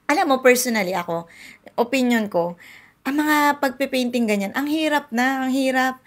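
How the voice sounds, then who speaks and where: Chatty Filipina podcast host. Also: female voice, sits high, normal speed. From Philippines. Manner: chatty, laughs often, acts out quotes. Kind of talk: casual chat.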